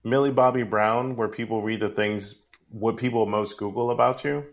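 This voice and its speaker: Rambling low-voiced man. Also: steady tone, normal speed. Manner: rambling, goes off on tangents. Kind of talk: casual film discussion.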